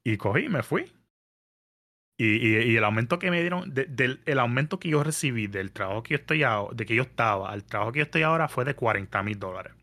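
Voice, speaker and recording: A man, telling a story in casual podcast chat, animated and mixing in English words. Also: mid-range voice, fast talker. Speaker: podcast guest. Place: New York area.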